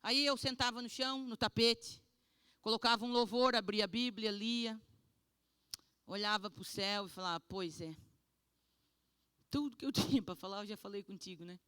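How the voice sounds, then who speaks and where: A woman pastor from Brazil giving an animated, emotional testimony sermon. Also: medium pitch, normal speed, pauses often, smooth, no echo, clean studio sound.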